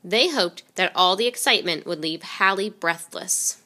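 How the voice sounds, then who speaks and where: A woman reading a children's picture book aloud in an expressive storytelling way. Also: medium pitch, normal speed. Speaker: reader.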